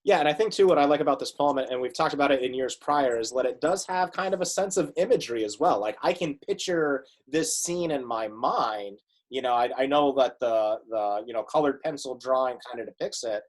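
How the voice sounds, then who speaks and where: A man teacher explaining a poem in a casual, relaxed way, with many "you know" fillers. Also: mid-range voice, brisk, few pauses. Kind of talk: classroom lesson.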